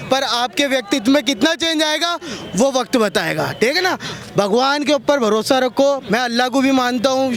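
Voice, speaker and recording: A man speaks in a very high-pitched voice, arguing with passion. He is emphatic and preachy, as if instructing whoever listens. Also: fairly bright tone. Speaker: member of the public in a street debate. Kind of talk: impassioned argument.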